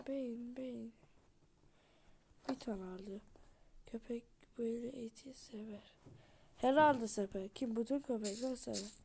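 A woman casually commenting while playing a horror game, swearing often and talking to her viewers and to the game. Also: on the high side. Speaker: gameplay streamer. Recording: loud background noise with clicks.

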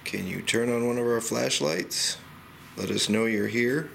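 A man's voice: mid-range voice, unhurried, gravelly, fairly bright tone, a little hiss or hum. A man working as a paranormal investigator, talking to a ghost and calling out questions to spirits. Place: indoor parlor of an old house at night.

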